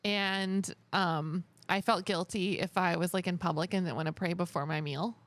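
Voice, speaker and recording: A woman's voice: fairly low pitch, steady tone, moderate pace, no echo. A young adult woman co-hosting a podcast in casual chat, wry and steering the topics with questions. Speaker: podcast co-host.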